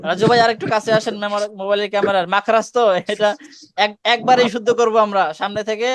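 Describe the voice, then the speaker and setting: A man's voice: high-pitched, little pitch movement, quick pace, a bit bright. A man teaching Quran recitation on a video call, coaching students and correcting them with short repeated commands. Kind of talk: online class instruction.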